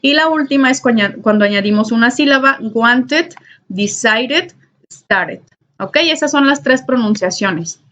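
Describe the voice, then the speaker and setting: A woman's voice: high voice, lively intonation, a little fast, a bit bright. A woman, teaching an online English grammar class in a patient, repetitive way and checking in often. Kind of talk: recorded online class lesson. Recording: dull lo-fi recording.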